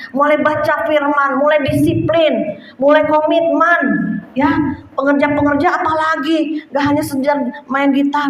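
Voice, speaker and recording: A woman preaching a lively sermon, urging her listeners on and calling them "saudara", often chuckling as she speaks. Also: sits high, reverberant, slight background noise. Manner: animated, exhorting, addresses listeners as "saudara".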